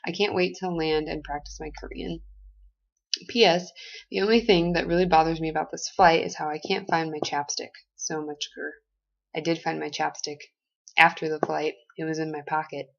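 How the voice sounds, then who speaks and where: A woman's voice: low voice, creaky, a bit bright, highs cut off. An American woman in her twenties, chatty and playful, narrating a casual travel diary. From United States. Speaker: vlogger.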